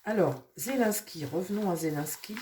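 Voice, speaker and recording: A woman's voice: fairly low pitch, lively intonation, normal speed, slight background noise. Nasal woman with a cold, reading tarot. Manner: rambling, many fillers and restarts; addresses her tarot deck softly. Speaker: tarot reader. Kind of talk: casual tarot reading to viewers.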